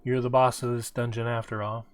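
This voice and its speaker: A man's voice: mid-range voice, level tone, a little fast, a little hiss or hum. A man giving casual, rambling game commentary as he thinks aloud while playing. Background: game music behind the voice.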